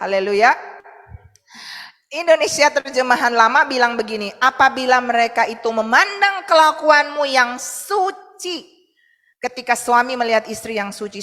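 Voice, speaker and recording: A woman pastor preaching a sermon in an animated way, acting out the voices she quotes. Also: high voice, long reverb tail. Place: church hall.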